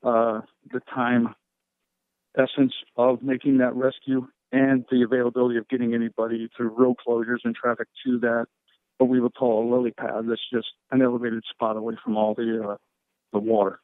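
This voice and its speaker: During a question-and-answer conference call, a male rescue official walks the press through events in a steady, flat, medium-pitched voice, sticking to careful procedural phrasing and operational terms. There is no room sound, just a dry, narrow, telephone-like line.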